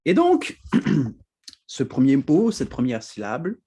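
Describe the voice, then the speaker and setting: Husky man teaching with animated emphasis. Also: medium pitch, slow pace. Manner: animated, laughs often, repeats "d'accord?" to check in. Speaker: preacher. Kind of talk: teaching sermon.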